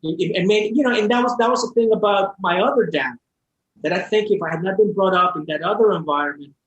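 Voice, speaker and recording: Heartfelt, halting man telling his story. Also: sits high, lo-fi sound. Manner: halting, repeats words and restarts often; heartfelt and open. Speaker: interview guest. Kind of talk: personal storytelling in a podcast conversation.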